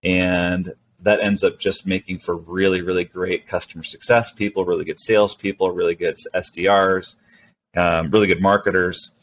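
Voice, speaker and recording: A middle-aged startup co-founder and CEO, Venezuelan-born and raised mostly in California, speaks as a guest in a casual interview; Spanish is his first language. His deep voice moves at normal speed, relaxed and rambling with many fillers and restarts. There is a little hiss or hum.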